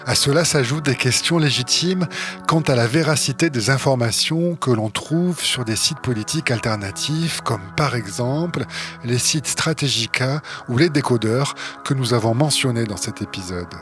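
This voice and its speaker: A man co-hosting a podcast, reading scripted narration and bantering in a measured, explanatory way with dry humor. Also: mid-range voice, fairly bright tone, faint music behind. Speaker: podcast co-host.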